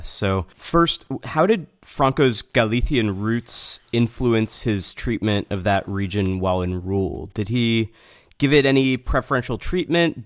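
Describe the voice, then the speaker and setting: A man's voice: fairly low pitch, clean tone. A man hosting a podcast, asking inquisitive, carefully framed questions. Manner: inquisitive, brief acknowledgments. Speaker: podcast host. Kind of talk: interviewing.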